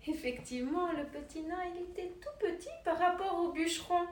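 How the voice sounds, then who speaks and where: A woman reading a children's fairy tale aloud in a gentle, unhurried way. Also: extremely high pitch, distant mic, a little hiss or hum. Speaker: storyteller. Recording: echoey room, voice off-mic.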